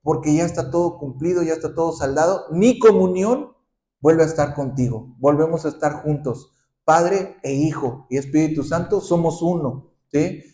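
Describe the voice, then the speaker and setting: A man pastor preaching a sermon, often asking the congregation questions and ending points with a quick "¿sí?". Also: a little high, mellow. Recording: roomy echoing hall.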